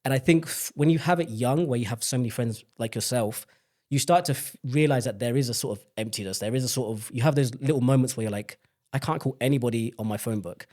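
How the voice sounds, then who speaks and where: Talking quickly in a medium-pitched, slightly mellow voice, a young British podcast guest recounts personal stories. His storytelling is open and reflective, full of restarts, in a candid conversational setting.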